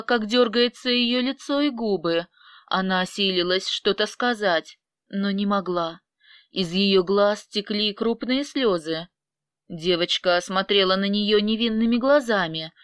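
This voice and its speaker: A woman narrating a dramatic story in a steady, measured audiobook reading on a close mic. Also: medium pitch, clear, resonant tone, no echo.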